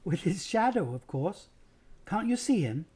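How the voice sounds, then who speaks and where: A man reading aloud, voicing a calm, matter-of-fact little girl in a storybook reading. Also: high-pitched, unhurried, slightly rough, pitched above the performer's own voice, heavily acted. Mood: certain.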